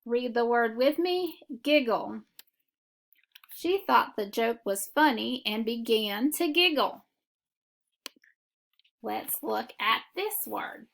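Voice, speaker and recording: A woman teaching a phonics lesson, walking through syllable marking step by step in a deliberate classroom manner. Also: a little high, animated, gravelly, a bit bright. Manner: slow, deliberate classroom instruction. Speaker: reading teacher.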